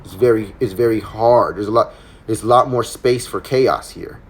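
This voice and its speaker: A man's voice: lowish voice, moderate pace, a little hiss or hum. Host type, male, preachy but street-casual, blunt and slangy. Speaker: podcast host. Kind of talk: casual spiritual chat.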